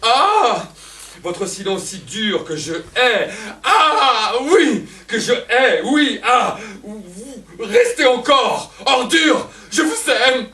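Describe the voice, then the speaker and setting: Scorned lover in a stage drama , a man playing her, frantic outbursts, bright voice heard from afar in an echoing hall. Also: medium pitch, lively intonation, unhurried. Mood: raging. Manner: impassioned, cries out in long outbursts. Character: Elvire, a scorned woman lover, desperate and raging. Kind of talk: theatrical stage declamation. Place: theatre stage. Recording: echoey theatre, voice from far off.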